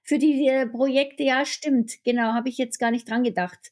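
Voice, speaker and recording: High-voiced woman hosting a chat. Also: steady tone, moderate pace, darkish tone. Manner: encouraging, frequent backchannel murmurs. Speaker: podcast host. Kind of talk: casual interview chat.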